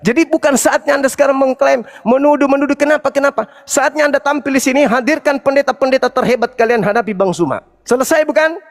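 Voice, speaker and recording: A man's voice: extremely high pitch, fast talker, hardly any pauses, big-room sound. A man giving a confrontational, preachy debate speech, taunting his opponents with emphatic lines. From Indonesia. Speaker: Islamic apologetics debater.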